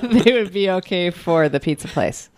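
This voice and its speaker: Host: woman, lowish voice, wry and chatty. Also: animated, moderate pace, dry recording. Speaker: radio host. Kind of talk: radio interview.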